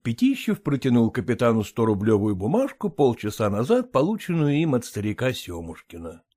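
A man narrating an audiobook in a measured, expressive storytelling manner. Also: medium pitch.

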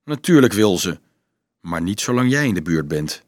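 A man voicing a calm, self-assured young student in a storybook, speaking in a measured way. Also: low-pitched.

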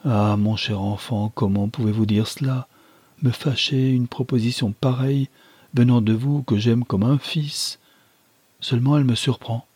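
Male reader doing a vain, gushing society mother, husky and lifted, recorded dry. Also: darkish tone, dry recording. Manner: effusive, exclaiming, raised higher voice. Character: vain chattering society mother, middle-aged woman.

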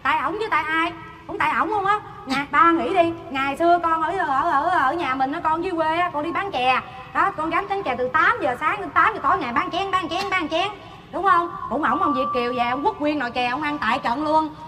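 A woman playing a rapid-fire, complaining daughter-in-law. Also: sits high, natural voice. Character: chatty, defiant young daughter-in-law. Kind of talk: stage comedy sketch.

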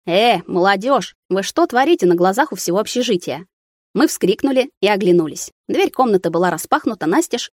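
A woman reads a novel in first person, measured and steady. Her voice sits on the low side and the recording is close and dry. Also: no room sound. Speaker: audiobook reader. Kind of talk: scripted first-person narration.

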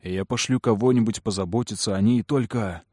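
Guy doing a low cool aristocrat dad, slow and firm, dry close sound. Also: darkish tone, husky, dry recording. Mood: cold firm. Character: cold powerful aristocratic father, calm and manipulative.

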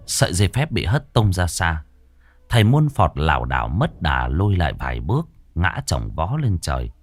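Give me a man with a lowish, lively voice telling a dramatic ghost story, dry and close. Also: normal speed, dry recording.

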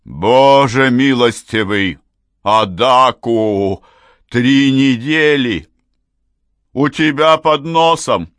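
A man voicing a stern middle-aged father who speaks slowly and heavily and rises into shouts. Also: on the low side, no room sound, clean studio sound. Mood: furious. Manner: slow, heavy, rising into shouts.

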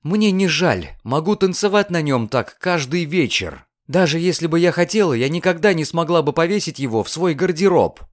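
A man voicing a sharp, proud young maid in an audiobook reading, speaking curtly and defiantly. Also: high-pitched, big pitch swings, moderate pace, pitched above the performer's own voice. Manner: curt, defiant.

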